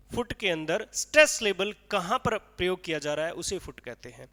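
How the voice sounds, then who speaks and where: A man's voice: high-pitched, pushed and bright, in a large hall. A male teacher giving a classroom lecture on poetic meter, explaining step by step with repeated rhetorical questions and counting aloud.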